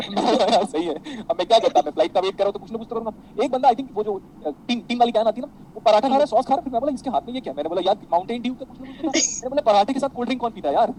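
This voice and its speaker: A man teaching a classroom lecture, animated, mixing explanations with anecdotes for his students. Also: very high-pitched, rapid-fire, hardly any pauses, slight background noise, poor audio. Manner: animated, addresses students as beta, tells anecdotes.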